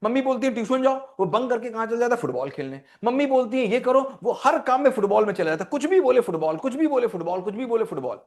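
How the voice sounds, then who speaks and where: A man with a high voice gives a motivational talk to teenagers. He is animated and repeats key lines over and over to drive them home, slipping between Hindi and English. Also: fast, hardly any pauses. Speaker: parenting mentor and life coach. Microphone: online session.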